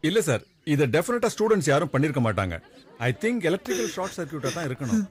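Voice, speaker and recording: Sympathetic college official, quick speech, slightly high pitch. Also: male voice, big pitch swings, breathy edge, faint music behind. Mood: concerned.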